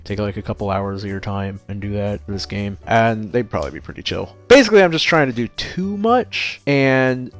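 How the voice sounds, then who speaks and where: A man talking casually in a rambling solo vlog, often correcting himself and breaking off mid-sentence. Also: medium pitch. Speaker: vlogger.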